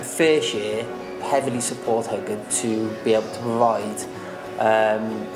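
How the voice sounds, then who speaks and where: A man's voice: on the low side, fairly even intonation, unhurried, music in the background, poor audio. A man explaining a charity's work in an interview. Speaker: charity representative being interviewed.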